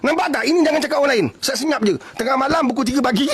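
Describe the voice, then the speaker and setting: A man with a Malaysian Malay accent preaching in a casual, animated way, with blunt folksy asides and rhetorical questions he repeats again and again. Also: very high-pitched, rapid-fire.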